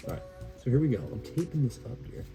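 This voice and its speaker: This DIY vlog host has a medium-pitched, gravelly voice and speaks quickly and with animation. Working hands-on in and around a camper van, he keeps up an informal, slightly rambling chat over background music.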